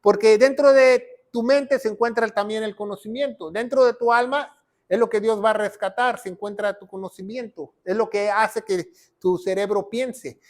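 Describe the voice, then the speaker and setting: A man's voice: sits high, fairly even intonation, moderate pace. A man preaching as a pastor and Bible teacher, asking rhetorical questions and reading verses aloud. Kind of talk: sermon teaching.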